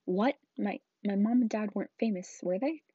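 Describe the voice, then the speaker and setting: A woman voicing a curious, hesitant young boy from a storybook, who talks in a halting, questioning way. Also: medium pitch, dark tone, slightly rough, lightly acted. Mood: puzzled, curious. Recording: roomy, dull lo-fi home recording.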